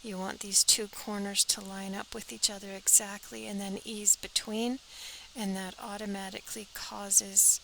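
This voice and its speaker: A woman's voice: medium pitch, vocal fry, bright, forceful tone, a little hiss or hum, rough recording. A woman teaching a step-by-step sewing pattern drafting tutorial, practical and talking as she works, often dropping to an airy half-whisper.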